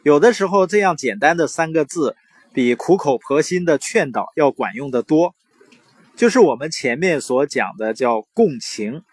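A young adult man giving parenting advice in an earnest, conversational manner, with anecdotes and drawn-out particles. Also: on the high side, expressive, breathy edge, dry recording. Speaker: parenting commentator. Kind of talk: informal talk with anecdotes and advice.

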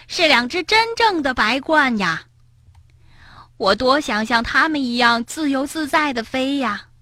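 A woman's voice: a little high, sing-song, unhurried, sharp tone, no echo, clean studio sound, voice pushed up, full character voice. Woman doing a wide-eyed, dreamy storybook frog. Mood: wondering. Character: carefree, dreamy young frog, easily impressed.

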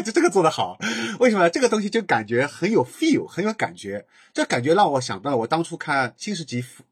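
Male podcast host, husky, dry and close, chatty, laughs easily. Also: mid-range voice, no room sound. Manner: enthusiastic, chatty, laughs often. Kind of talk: casual solo drama review.

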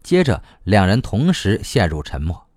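A man narrating an audiobook story in an expressive reading style. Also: lowish voice, normal speed, no echo, studio quality.

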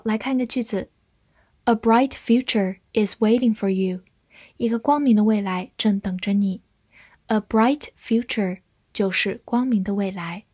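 A woman teaching English vocabulary in a scripted lesson, spelling each word letter by letter and reading example sentences slowly. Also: mid-range voice, darkish tone, husky, no echo.

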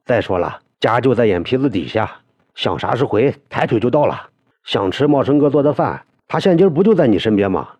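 A man narrating a novel, voicing a blunt, hot-tempered young man who talks loudly and forcefully in a hard tone. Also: mid-range voice, big pitch swings, brisk, no room sound, voice pushed up. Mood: coaxing.

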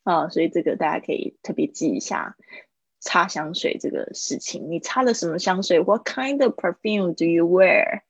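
A woman teacher leads a live-streamed English lesson, explaining phrases and repeating key words slowly. Her voice carries a gravelly, slightly husky edge. The sound is close and dry. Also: on the low side, lively intonation, no room sound, dull audio. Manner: patient explaining, drills pronunciation by repeating words.

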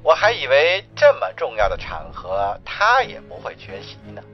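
A man voicing a menacing male broker who taunts in a low, hushed, mocking voice, with faint music behind. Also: huge pitch swings, normal speed, lo-fi sound. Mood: mocking menace.

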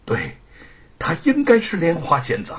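A fretful male king of the underworld, voiced by a man, stammers and drags out his words in a storybook. His voice sits high, breathy and husky. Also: wildly swooping pitch, a bit bright, full character voice. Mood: nervous. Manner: stammering, nervous and slow.

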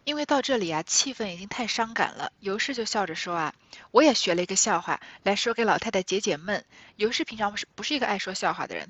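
Woman lecturer, mid-pitched, narrating a classic novel with light restarts, dull dry recording. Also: a bit bright, no echo. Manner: storytelling with small restarts and filler particles. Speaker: literature lecturer. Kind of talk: explaining and retelling a classic novel.

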